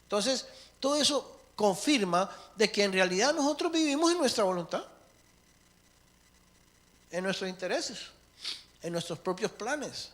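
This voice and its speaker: A man preaching a sermon with emphatic swings between loud and soft, acting out prayers and little dialogues. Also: high voice, big pitch swings, unhurried, pauses often.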